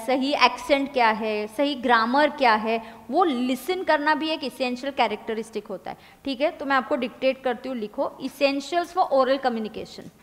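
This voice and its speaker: High-pitched woman dictating slowly in a hall. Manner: slow, deliberate dictation, repeating points. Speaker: teacher. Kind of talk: classroom lecture with dictation. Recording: long hall reverb.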